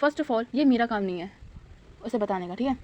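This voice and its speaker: A woman's voice: a little high, lively intonation, normal speed, a little mellow, a little hiss or hum, natural voice. Give me a woman playing a cold, short-tempered young man, curt and threatening. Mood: cold dismissive. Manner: curt, clipped, menacing.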